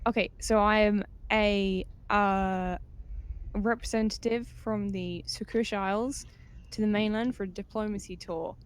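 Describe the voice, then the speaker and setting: A woman as a player in a voice-call tabletop game, talking casually, quickly and self-deprecatingly. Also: mid-range voice, fairly even intonation, clean tone. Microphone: voice call microphone.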